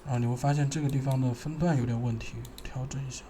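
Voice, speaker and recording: Man talking through a software tutorial. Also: medium pitch, fairly even intonation, slight background noise. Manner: thinking aloud, halting, pausing while working. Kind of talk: screen-recorded software tutorial.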